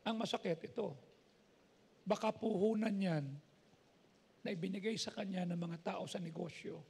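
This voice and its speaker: A man's voice: high-pitched, steady tone, normal speed, gravelly, a little mellow, husky, in a large hall. A Filipino man preaching a midweek sermon as pastor, often checking in with the congregation by asking "okay?". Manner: preaches in mixed Tagalog and English, repeats "okay?". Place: church sanctuary.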